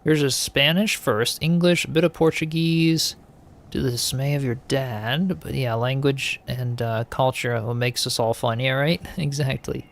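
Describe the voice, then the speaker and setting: Playing a game and answering viewers, a male streamer keeps things easygoing and reflective, often trailing off mid-thought. He speaks at a measured pace with a medium-pitched, steady, gravelly voice.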